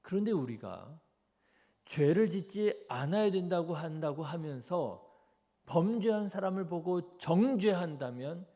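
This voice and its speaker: A man's voice: sits high, expressive, unhurried, mellow. A man preaching a dawn service sermon as pastor, asking the congregation questions as he goes. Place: church sanctuary.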